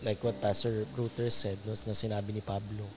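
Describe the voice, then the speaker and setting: A man's voice: fairly low pitch, little pitch movement, normal speed, a little hiss or hum. A man, a pastor, chatting in a casual discussion and often mixing English phrases into his sentences. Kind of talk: casual chat.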